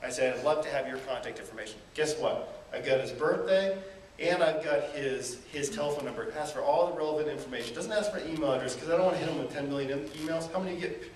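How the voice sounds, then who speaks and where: Animated man speaking in an echoey hall. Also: fairly high pitch, fast talker. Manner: energetic, storytelling, rhetorical questions to the audience. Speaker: motivational speaker. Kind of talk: live seminar talk. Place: event hall. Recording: echoey room from far off, faint noise.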